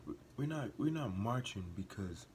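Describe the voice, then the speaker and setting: A man's voice: mid-range voice, expressive, normal speed, a little mellow, slight background noise. A man hosting a reaction video, talking earnestly and with passion, repeating and restarting phrases as he builds to emphatic bursts. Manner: earnest and impassioned, rising to emphatic outbursts. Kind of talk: casual reaction commentary.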